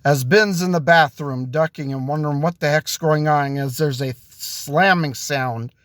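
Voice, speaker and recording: A man narrating an improvised story in a slow, unhurried way, a bit higher pitched than most men. He halts and restarts as he goes, and the sound is dry and close. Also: fairly bright tone, no room sound. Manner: slow, halting delivery with restarts.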